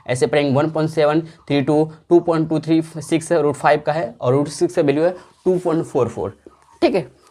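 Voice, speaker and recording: A woman's voice: deep voice, darkish tone. A woman teaching a maths lesson online. She explains patiently, repeats herself often, and asks and answers her own check-in questions. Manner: patient, drawn-out explaining pace with frequent fillers. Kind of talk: online classroom lecture.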